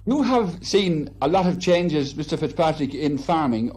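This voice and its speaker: A man conducting a formal broadcast interview, courteous and measured, with some hesitation in his questions. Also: fairly high pitch, animated, a little mellow.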